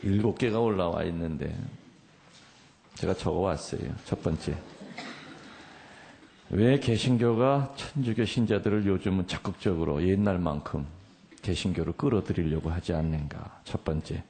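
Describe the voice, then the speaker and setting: Korean priest with a faint Chungcheong lilt, low and gravelly, delivering a light, funny homily in church. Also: male voice, normal speed, mellow, a little hiss or hum. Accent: slight Chungcheong lilt. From Incheon, South Korea. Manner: joking, storytelling, playfully mimics dialects. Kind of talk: humorous sermon to a congregation.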